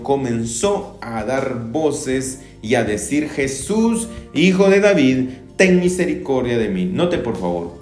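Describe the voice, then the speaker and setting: A man preaching a sermon as pastor, slow and emphatic, rising to loud cries when he quotes. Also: mid-range voice, reverberant.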